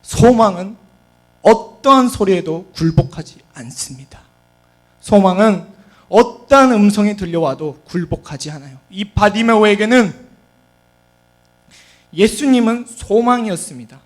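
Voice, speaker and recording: Junior pastor preaching, high voice, faint music behind; asks questions and answers them himself. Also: male voice, expressive, unhurried, long pauses. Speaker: junior pastor of a children's department. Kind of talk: sermon.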